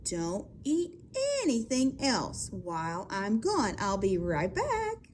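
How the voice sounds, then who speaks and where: A woman voicing a caring mother ghost in a children's story, speaking in a bright, sing-song motherly tone. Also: mid-range voice, sing-song, slow, slight background noise.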